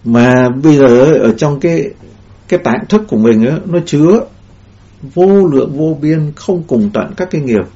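Gravelly dark-voiced man giving a dharma talk. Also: fairly high pitch, lively intonation, moderate pace. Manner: rambling, many fillers and restarts. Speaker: Buddhist teacher. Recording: dull lo-fi recording.

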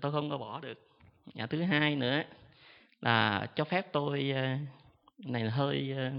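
A Buddhist monk tells an audience a chatty, self-mocking story, filling his pauses with drawn-out "à" sounds. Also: mid-range voice, creaky, clear, resonant tone. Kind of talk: storytelling dharma talk to an audience. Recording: dull lo-fi sound in a long reverberant hall.

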